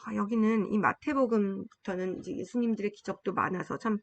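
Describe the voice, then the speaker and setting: During a Bible-themed English lesson, a woman explains in Korean and reads English sentences slowly, repeating phrases so learners can follow along. She speaks at a medium pitch, and the recording sounds muffled.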